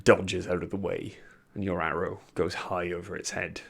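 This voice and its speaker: A man acting as game master, narrating and refereeing a tabletop game in a dramatic, measured way. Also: low voice, little pitch movement, creaky, slightly rough.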